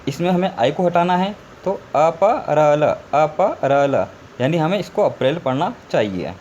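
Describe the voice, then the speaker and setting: A man's voice: fairly high pitch, big pitch swings, brisk, darkish tone, muffled recording. A male teacher giving a spelling lesson, spelling words out letter by letter and repeating them. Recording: faint background noise.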